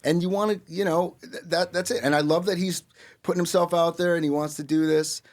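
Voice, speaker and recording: A man's voice: on the high side, steady tone, fairly quick. A man co-hosting a podcast in casual chat, boastful and rambling with lots of fillers. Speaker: podcast co-host.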